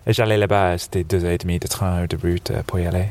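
A man in his forties from England, speaking with an English accent, chatting casually as a podcast guest, relaxed, with lots of fillers. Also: deep voice, fast. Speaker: snowboard shop buyer, podcast guest. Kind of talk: casual interview chat. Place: dark corner of a trade fair hall, on a sofa.

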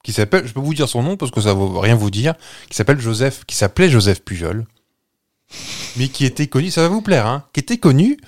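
A man co-hosting a podcast, chatting casually and slowly giving out clues with many hesitations. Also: medium pitch, big pitch swings, darkish tone. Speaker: podcast co-host. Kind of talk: casual banter, quiz-style teasing.

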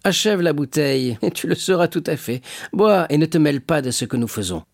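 A man voicing a scheming, contemptuous man in an audiobook reading, lowering his voice to a scornful mutter. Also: animated, brisk, gravelly, no room sound, clean studio sound. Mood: sly persuading.

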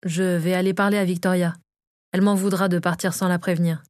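A woman's voice: lowish voice, level tone, fairly quick, darkish tone, dry recording, studio quality, natural voice. Anxious determined lord, read by a woman. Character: anxious male lord, eager to protect his land.

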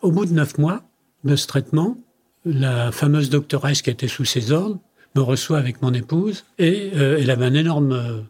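Husky older man telling stories. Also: fairly high pitch, darkish tone. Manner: tells anecdotes by acting out quoted dialogue. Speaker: company president interviewed as guest. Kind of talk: conversational interview storytelling.

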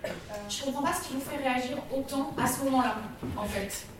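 A woman interviewer with a high voice asks questions, slightly hesitant. She sounds far from the microphone in a very echoey space, with faint background noise. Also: brisk. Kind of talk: radio interview.

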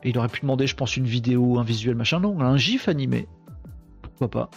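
A male host of a live tech show, talking in a chatty, excitable way and punctuating with quick exclamations. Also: medium pitch, gravelly, lo-fi sound, faint music behind. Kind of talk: casual live commentary.

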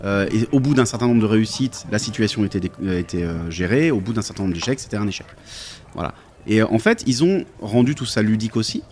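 Male guest, lowish voice, relaxed and hesitant chat, faint music bed. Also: quick pace. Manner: thoughtful, hesitant with many fillers. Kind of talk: casual chat about tabletop games.

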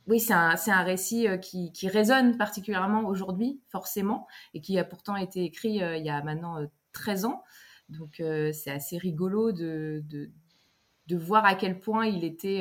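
A woman, a book editor, speaking as a guest in a podcast interview and pausing often to search for words. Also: lowish voice. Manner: hesitant, full of fillers and restarts.

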